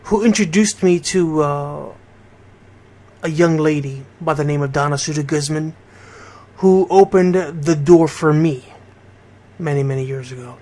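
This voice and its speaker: This fairly high-pitched but dark-toned voice belongs to a middle-aged DJ from Bridgeport, Connecticut. He takes his time, addressing his radio audience directly in an easygoing, conversational way.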